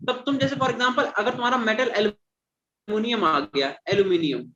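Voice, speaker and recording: Speaking at normal speed in a sing-song, pushed, bright way, a high-voiced male teacher quizzes his chemistry class and repeats points, calling the students "beta." It's a dull lo-fi classroom recording.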